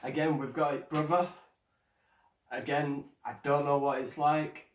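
A man's voice: a little high, fairly even intonation, unhurried, echoey room, distant mic, a little hiss or hum. A man presenting his own vlog in a casual show-and-tell way, hesitant and stumbling like a first-timer. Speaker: fireworks vlogger.

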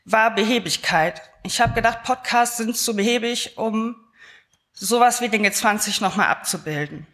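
Chatty woman with a fairly high voice. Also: moderate pace, a bit bright. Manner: chatty with frequent filler sounds. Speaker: conference speaker. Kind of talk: live talk, conversational.

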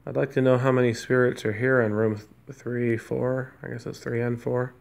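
A man's voice: mid-range voice, flat delivery, normal speed, gravelly. A man politely coaxing spirits with hesitant questions during a paranormal session in a hotel room. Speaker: amateur paranormal investigator. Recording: loud noise over the voice.

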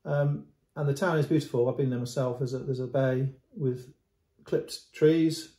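Mellow-voiced man explaining a painting. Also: medium pitch, fairly even intonation, moderate pace. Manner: unscripted, repeats words and restarts, gestures at the canvas. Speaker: antiques dealer. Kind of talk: casual video commentary on a painting. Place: indoor room at home. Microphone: camera at close range. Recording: roomy echo.

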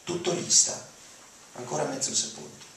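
A gravelly, medium-pitched male voice, pushed and bright, delivers a dramatic, declamatory prose reading at a moderate pace. He's at a lectern before an audience in an auditorium, picked up through a lectern mic recorded from a far camera, leaving echo, distance and room noise.

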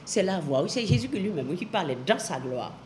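A woman's voice: lowish voice, big pitch swings, normal speed, a little mellow, slight background noise. A woman giving a televised Bible teaching, emphatic, repeating her phrases and asking the viewers rhetorical questions.

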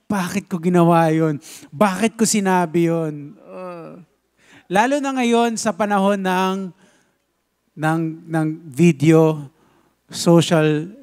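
A pastor with a Filipino accent preaching a sermon, telling a lively story and switching between Tagalog and English. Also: sits high.

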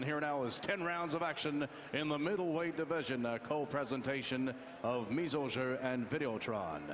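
A middle-aged man working as a boxing ring announcer, formal and ceremonious, drawing out names on a handheld microphone. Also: mid-range voice. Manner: ceremonious, drawn-out delivery of names. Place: boxing ring in a large indoor arena. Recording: echoey arena PA, background noise.

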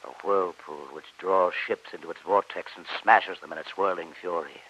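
An actor playing a brooding, bitter submarine captain in an old radio drama, speaking formally and deliberately with theatrical courtesy. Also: male voice, sits low, steady tone, slightly rough, dull audio, full character voice. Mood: coldly courteous. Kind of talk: 1940s radio drama acting. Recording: old radio recording, loud organ music behind.

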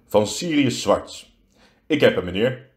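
A huge gruff giant with a soft heart, as a man puts him on, speaking low and hesitant, his voice choking up. A storybook figure in a children's read-aloud. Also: animated, measured pace, reverberant, natural voice. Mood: sheepish. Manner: low, stammering, tearful.

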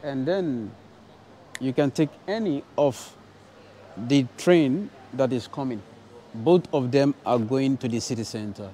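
A young Nigerian travel vlogger chats casually to an action camera held at arm's length, narrating from an indoor airport train station and train carriage. His medium-pitched voice is a little slow and mellow, friendly as he thinks aloud, with slight background noise.

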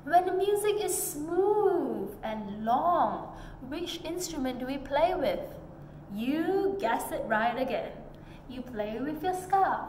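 A woman's voice: sits high, animated, takes it slowly, a little mellow, a little hiss or hum. A young woman teaching music to small children with a broad, singsong, children's-theatre delivery. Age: young adult. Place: indoor children's classroom. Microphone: camera a short distance away. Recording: echoey hall-like room, music.

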